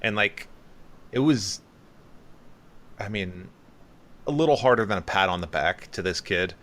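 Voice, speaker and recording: A man's voice: on the low side, lively intonation, unhurried, a bit bright. A man in his thirties, a podcast co-host telling stories in casual chat and acting out other people's voices.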